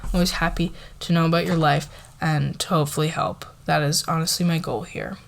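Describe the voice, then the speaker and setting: A young woman of eighteen answers viewer questions in a soft, relaxed, casual way. Her voice sits a little on the low side. She often says "like" and sometimes drops to a whisper. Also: fairly quick, vocal fry. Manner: soft-spoken, relaxed, many "like" fillers, drifts into whispers. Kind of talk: casual Q&A chat.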